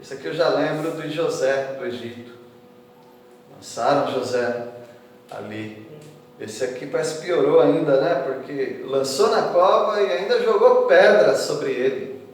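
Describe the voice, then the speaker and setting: A man's voice: a little high, unhurried, a little hiss or hum. A man, a pastor with a Brazilian Portuguese accent, preaching an expository sermon in a conversational way, often tossing little questions to the congregation and lifting his voice to read scripture aloud. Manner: reads scripture verses aloud with rising emphasis. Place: church hall. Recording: echoey church hall from far off.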